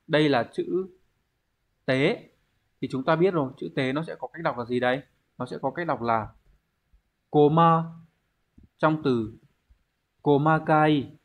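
Patient man explaining a language lesson. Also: mid-range voice. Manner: explanatory, poses rhetorical questions to students. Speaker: Japanese language teacher. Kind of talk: online exam-prep lesson.

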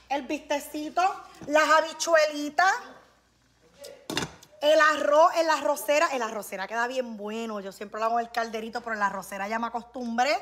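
A woman hosting a casual live stream, chatting lively with her viewers and calling them nena. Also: a little high, a little hiss or hum.

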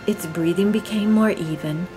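A woman narrating a nature documentary in a calm, measured and gentle way. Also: lowish voice, soft background music.

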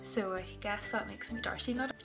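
Music plays in the background as a young Northern Irish vlogger talks briskly in a medium-pitched voice with vocal fry. She's chatting casually to a phone camera at arm's length in a small tiled indoor bathroom, with giggles and whispered asides.

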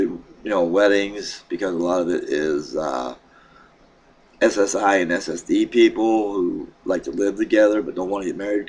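This casual vlog update comes from a middle-aged Pennsylvania vlogger whose voice is deep and low with a froggy throat. Speaking into a desk webcam in a small home room, he wanders, restarting haltingly and using plenty of fillers.

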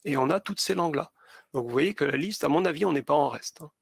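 A man walks teachers through a tutorial one step at a time, with fillers between his phrases. His voice is gravelly and a little husky. The sound is dry and close. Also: on the high side, expressive, quick pace, no echo. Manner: explains step by step with many fillers. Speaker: teacher trainer. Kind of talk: screen-share tutorial.

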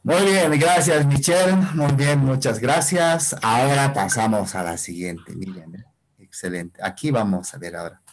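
A man's voice: medium pitch, measured pace. A man teaching a Quechua class online, explaining patiently and often asking his students if they follow. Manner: explanatory, asks frequent tag questions.

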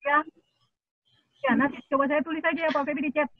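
A woman's voice: high-pitched, steady tone, quick pace, no echo. A woman asking hesitant questions in a webinar, her voice breaking up over a bad online connection. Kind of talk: online video call questions. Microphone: video call. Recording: tinny phone-like line, cutting out.

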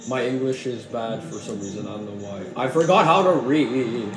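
A man joking and chatting excitedly while he plays a football video game. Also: medium pitch, moderate pace, music in the background. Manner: jokey, excitable, rambling asides. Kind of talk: casual gameplay commentary. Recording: echoey room.

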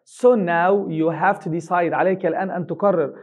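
High-voiced Egyptian man teaching English. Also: fairly even intonation, a little mellow. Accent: Egyptian Arabic. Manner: reads English slowly and carefully, then translates briskly in colloquial Arabic. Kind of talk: reading an English reader aloud line by line and translating it.

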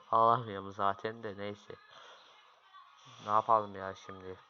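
A man's voice: lowish voice, little pitch movement, a little slow, soft background music. A man commentating his own online chess games, grumbling and muttering in frustration at his opponent. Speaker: chess streamer. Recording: lo-fi, loud background noise.

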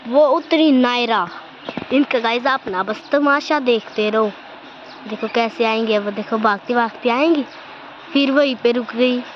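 Chatty high-voiced woman vlogging outdoors. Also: muffled recording, slight background noise. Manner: chatty, keeps calling on viewers to look. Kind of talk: casual walking vlog. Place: outdoors in a village around home. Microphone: phone held while walking.

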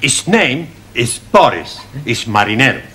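In a 1970s studio sitcom scene, a man plays a cheerful Spanish barman student who speaks broken English with a heavy Spanish accent. His mid-range voice is very animated, a little slow, pushed and bright. The recording is noisy with studio audience laughter in the background.

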